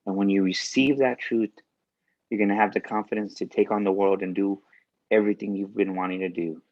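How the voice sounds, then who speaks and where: A man's voice: on the low side, fairly even intonation, brisk, lo-fi sound. A man giving a faith-based motivational speech as a guest speaker, repeating key lines for emphasis.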